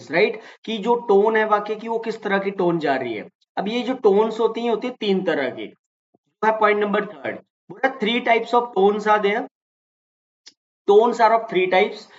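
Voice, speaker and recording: A man's voice: sits high, highs cut off. A male teacher giving an exam-prep lecture, patiently explaining and addressing students affectionately as "beta", mixing Hindi with English example sentences.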